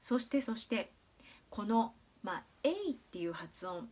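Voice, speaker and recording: A Japanese woman teaching English pronunciation in a video lesson, patient and clear, demonstrating sounds slowly with many drawn-out fillers. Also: on the high side, sing-song, a little mellow.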